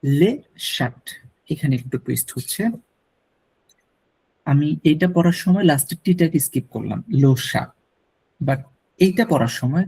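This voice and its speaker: A man teaches French online. He talks slowly, repeats each word and slips English into his explanations. His voice is dark and a little husky. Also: fairly high pitch. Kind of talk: online language lesson.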